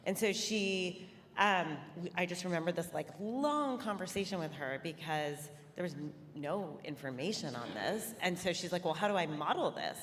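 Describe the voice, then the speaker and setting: On stage in a large hall, a woman moderates a conference panel in a chatty, casual way, using many fillers. Her voice is on the low side with lively intonation at a normal speed, and the reverberant space adds faint ambience and a little hiss or hum.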